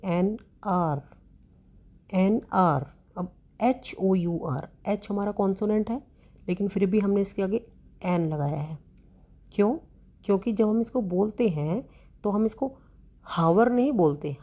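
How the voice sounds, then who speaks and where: A woman teaching a grammar lesson to students, explaining slowly and asking questions she then answers herself. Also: lowish voice, dark tone. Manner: slow, explanatory, asks questions and answers them; addresses students as beta.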